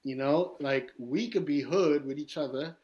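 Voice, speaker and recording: Man, New York street accent, slightly high voice, profane, rambling, casual podcast guest. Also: moderate pace, lo-fi sound. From East New York, Brooklyn. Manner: profane, rambling, animated storytelling. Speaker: guest artist.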